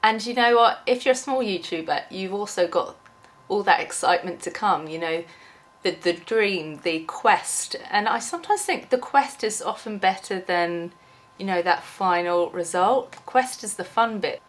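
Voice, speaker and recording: Her voice is mid-range and moves at a moderate pace. Battling a cold that's taking her voice away, this young small-channel YouTuber rambles through an off-the-cuff vlog with plenty of ums and false starts.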